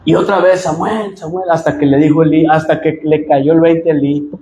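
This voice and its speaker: A man with a Mexican accent preaching a sermon as pastor, impassioned and direct with the congregation, often rising to shouts. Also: fairly high pitch, fairly even intonation, fairly quick, highs cut off. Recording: echoey room with faint noise.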